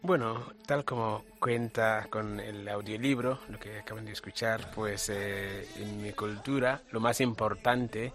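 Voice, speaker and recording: Low-voiced young man from Ghana. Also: steady tone, a bit bright, faint music behind. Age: young adult. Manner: measured, explanatory. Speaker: interview guest, audiobook author. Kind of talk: radio interview answers.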